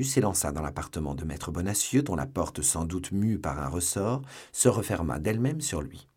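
A man narrating a classic novel aloud in an audiobook. His voice is very low and husky. His pitch moves widely as he tells the story. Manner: expressive storytelling.

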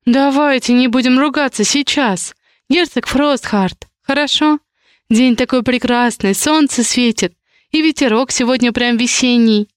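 A woman's voice: high-pitched, clear, resonant tone, no room sound, studio quality, voice pushed up. A woman putting on a gushing cheerful pastry shop owner. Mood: soothing. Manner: bubbly, exclaiming, drawn-out gushing. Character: cheerful plump-voiced female pastry shop owner, effusive. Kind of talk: audiobook character voice.

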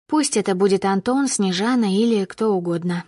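A woman narrating a first-person audiobook with steady storytelling that rises with emotion in dialogue. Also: mid-range voice, normal speed, no echo, clean studio sound.

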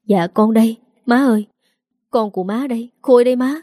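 A woman's voice: fairly high pitch, brisk, dark tone, no room sound, studio quality, natural voice. Woman voicing a grown son wailing for his mother. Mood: tearful. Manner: sobbing, pleading cries.

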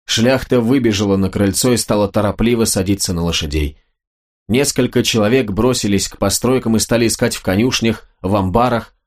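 A man narrating a historical novel as an audiobook, measured and expressive. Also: fairly low pitch.

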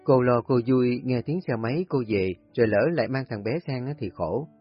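A man calmly narrating a family story in a steady storytelling voice. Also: medium pitch, moderate pace. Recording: husky voice, dull lo-fi audio, faint music.

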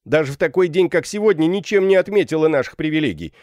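A man's voice: fairly high pitch, lively intonation, fast, darkish tone, no room sound, studio quality, pitched above the performer's own voice, close to an everyday voice. A man doing a brash, jeering young student. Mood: mocking. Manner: jeering, rowdy.

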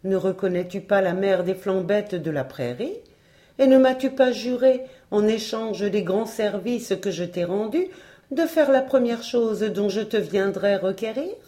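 A woman reading aloud voices an old spirit woman from a folk tale, coming for a young shepherd as her promised groom. She speaks in an insistent, coaxing storybook voice with a mellow, warm timbre. She is a witch who will not take no for an answer. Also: mid-range voice, lively intonation, measured pace, close to an everyday voice.

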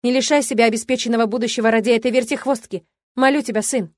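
A woman voicing a drunk middle-aged mother who begs her son in a hoarse, pleading voice. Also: fairly high pitch, steady tone, fast talker, a little mellow, no room sound, clean studio sound, close to an everyday voice.

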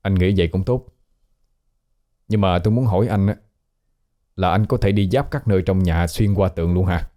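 A man's voice: sits low, normal speed, long pauses, warm tone, close to an everyday voice. A man voicing a polite, inquisitive young man questioning a ghost.

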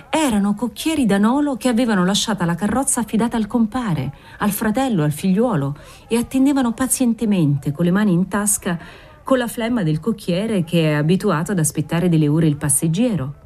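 Low, mellow woman reading a novel. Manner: measured, descriptive reading. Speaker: audiobook narrator. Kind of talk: scripted narration.

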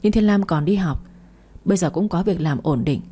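A woman voicing a gruff older man who speaks curtly but with care. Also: lowish voice, expressive, moderate pace, warm tone. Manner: curt.

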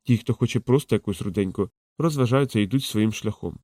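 A man voicing a soft-spoken, teasing courtesan. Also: lowish voice, quick pace, dry recording, clean studio sound. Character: frank, teasing courtesan woman, calm and knowing.

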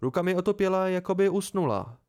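A man's voice: high-pitched, animated, a little mellow, clean tone, voice pushed up. A man voicing a friendly, encouraging young student who is worn out. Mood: explaining.

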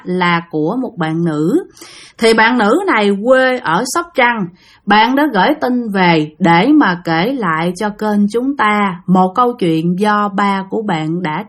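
A woman telling ghost stories in a chatty, vivid way, addressing her listeners directly. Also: medium pitch. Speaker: storyteller. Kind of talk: casual spooky storytelling narration.

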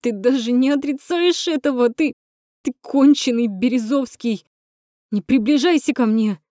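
A woman's voice: high voice, normal speed, no echo, studio quality, voice pushed up, close to an everyday voice. Woman voicing a shrieking hysterical young woman. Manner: shrieking, voice cracking from yelling.

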